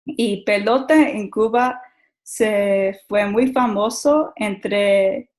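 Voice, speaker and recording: Slow, halting woman giving a class talk. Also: medium pitch, darkish tone, low-quality recording. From Mexico. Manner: halting, many restarts and repeated words. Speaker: student giving a class presentation. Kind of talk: school presentation.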